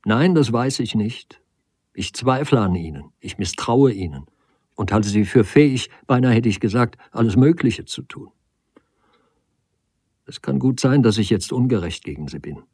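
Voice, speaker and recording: A man reading the part of a proud young woman who speaks in a sharp, reproachful way in a storybook reading. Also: lively intonation, normal speed, breathy edge, dry recording. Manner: sharp, reproachful, rising pitch.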